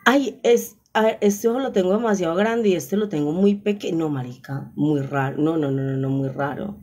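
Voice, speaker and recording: A young woman with a Paisa accent talks to her live-stream viewers through a phone, chatty and full of exclamations. Her voice sits a little low for a woman, and she laughs often as she goes. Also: moderate pace, mellow. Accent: Paisa Colombian Spanish. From Colombia.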